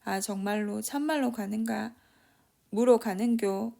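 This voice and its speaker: A woman voicing a weary, patient mother who murmurs softly in Gyeongsang dialect. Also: medium pitch, measured pace, gravelly. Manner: soft, murmuring.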